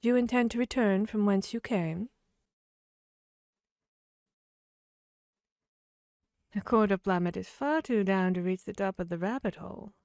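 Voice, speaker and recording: A woman's voice: mid-range voice, darkish tone, no echo, studio quality, lightly acted. A woman voicing a grinning, fickle cat from Wonderland, playful and riddling, in an ASMR fantasy roleplay. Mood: sly, welcoming. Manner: slow, playful, riddling drawl. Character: grinning Cheshire cat, teasing, fickle, mad Wonderland creature.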